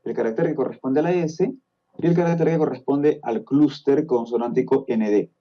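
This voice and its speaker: A man from Peru with a Peruvian Spanish accent speaks at medium pitch and a moderate pace, the audio sounding dull. He is a guest expert on Tolkien's languages on a podcast, walking through the topic step by step and often checking that his listener is following.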